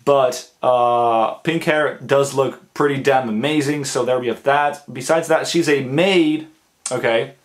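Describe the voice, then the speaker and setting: A man's voice: medium pitch, fairly even intonation, measured pace, few pauses. Stammering enthusiastic young-sounding man. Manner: stammering, repeats words, frequent fillers; enthusiastic, emphatic with crude slang. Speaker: anime vlogger. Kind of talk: casual ranking monologue to camera.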